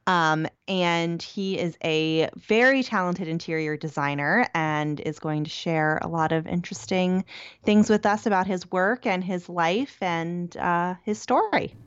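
A woman hosts a podcast in an easygoing, upbeat way, her speech full of little fillers. Her voice is smooth and a touch low. The recording sounds dry and somewhat dull. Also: measured pace, no room sound. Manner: upbeat, chatty, with frequent fillers. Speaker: podcast host. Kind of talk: casual podcast chat.

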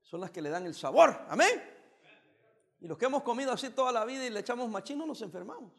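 Gravelly high-voiced pastor, teasing sermon. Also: male voice, very animated, fast talker, big-room sound. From El Salvador. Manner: playful, teasing preaching with bursts of emphasis. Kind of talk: joking sermon.

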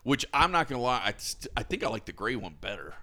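Guy hosting a podcast, super lively voice, bright and bouncy, keeps laughing through his stories. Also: mid-range voice, fast. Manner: animated, laughing storyteller. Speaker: podcast host. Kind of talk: casual chat.

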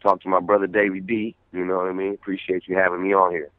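A man's voice: low voice, flat delivery, fast talker, dry recording. A man from San Francisco, a guest artist, talking earnestly in a casual radio interview, often repeating words as he thinks. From San Francisco, USA. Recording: tinny phone line.

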